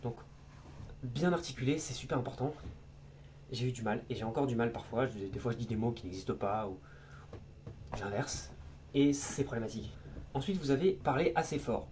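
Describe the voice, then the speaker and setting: A man with a mellow, warm voice walks through speaking advice in a relaxed, informal way. He talks with plenty of expression and now and then drops a crude word. A faint hum sits behind him. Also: mid-range voice, normal speed, long pauses. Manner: lively, demonstrates voices and tones as he explains; informal, occasional crude slang. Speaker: video creator giving speaking tips. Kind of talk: casual explainer video.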